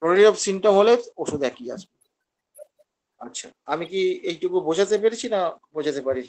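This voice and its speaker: Male teacher, high pitch, online class, explanatory and demonstrative. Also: expressive, moderate pace, a little mellow. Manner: explanatory, acts out patients' lines. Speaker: homeopathy teacher.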